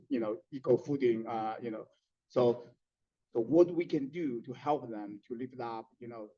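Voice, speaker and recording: A man, a council member, giving halting remarks at a meeting with many fillers. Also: medium pitch. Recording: dull lo-fi meeting audio.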